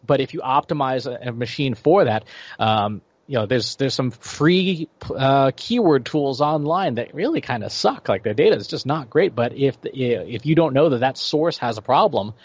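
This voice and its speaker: A man's voice: medium pitch, expressive, normal speed, husky, no echo. Man in his forties, guest expert, lectures and checks in with "right?"; dry, slightly dull lo-fi audio. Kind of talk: explanatory interview answers.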